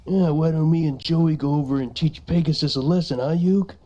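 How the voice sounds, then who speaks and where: A man voicing a cocky, loud teenage boy duelist with a Boston accent, talking with swagger. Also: on the high side, fairly even intonation, moderate pace, natural voice. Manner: boisterous, swaggering.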